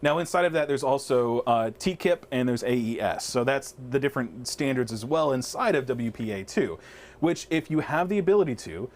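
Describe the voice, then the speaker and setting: A man's voice: medium pitch, animated, moderate pace. A man co-hosting a tech webinar, casually explaining Wi-Fi step by step with frequent restarts. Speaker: webinar co-host.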